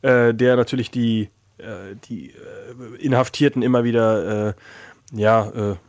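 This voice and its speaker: A man co-hosting a casual chat about films, talking in a rambling, joking way full of filler sounds. His voice sits at an ordinary middle pitch. It is recorded close and dry, with no room around it. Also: fairly even intonation, unhurried, a little mellow, dry recording. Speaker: podcast co-host.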